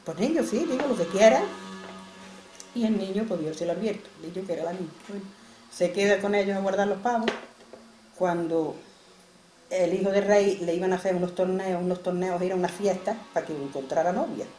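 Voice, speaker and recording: A woman's voice: fairly low pitch, fairly even intonation, a little fast, mellow, soft background music. A woman telling a traditional folk tale in a plain, homely way. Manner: plain, homely, repeats "dice". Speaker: storyteller. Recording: roomy echo, faint ambience.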